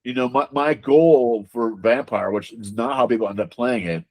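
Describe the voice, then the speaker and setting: A game designer being interviewed talks casually and haltingly, often repeating words as he explains things. His voice is mid-range with a darkish tone.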